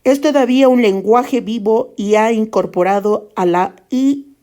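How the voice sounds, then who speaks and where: A woman with a slightly high, warm voice presents a lesson in a measured, explanatory tone. She uses fillers such as "este" and "pues."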